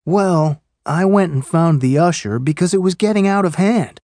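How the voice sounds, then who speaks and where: Woman, scripted learner dialogue. Measured and plain, with a warm, lower voice. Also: lively intonation, no room sound.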